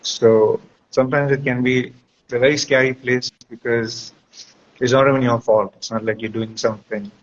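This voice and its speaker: In dull, lo-fi audio with clear background noise, a man serving as a guest counselor offers reflective, conversational advice. His mid-range voice is steady and paced normally, and he explains things while often checking in with "right?".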